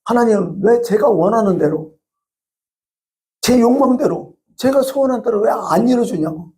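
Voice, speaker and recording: A man's voice: very high-pitched, lively intonation, normal speed, dark tone, pitched above the performer's own voice. A man voicing a suffering believer who bitterly pleads with God and complains to him.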